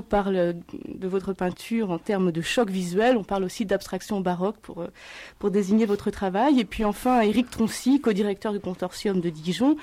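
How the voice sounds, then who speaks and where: A woman host guides a radio panel discussion with a mellow, warm voice. She talks in a measured, orderly way at a middling pitch. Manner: measured, introducing guests one by one.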